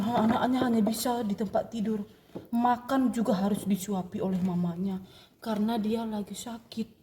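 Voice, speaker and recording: A woman, a religious sister, telling a Bible story to children in a slow, expressive way and addressing them directly. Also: high-pitched, a little hiss or hum.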